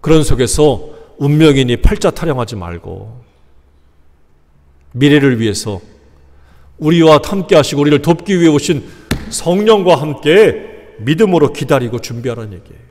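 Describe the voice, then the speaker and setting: A male pastor preaching a sermon, animated, asking the congregation rhetorical questions and acting out quoted lines. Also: a little high. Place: church sanctuary. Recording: long church reverb.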